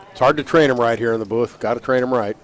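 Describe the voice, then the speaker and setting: A man commentating live poker from a booth, giving firm verdicts on each play. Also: medium pitch. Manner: decisive, affirming calls.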